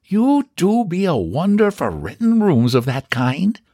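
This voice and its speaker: A man voicing a gossipy old Irish housekeeper who speaks with an Irish accent in a husky, admiring way. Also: high voice, wildly swooping pitch, unhurried, mellow, dry recording, clean studio sound, pitched above the performer's own voice, exaggerated voice.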